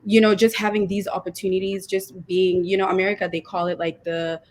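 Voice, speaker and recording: A woman's voice: mid-range voice, flat delivery, brisk. A woman in her twenties from Zimbabwe, a guest on an interview, talking in a hesitant way full of fillers and restarts. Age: 20s. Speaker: guest entrepreneur. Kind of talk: casual interview talk.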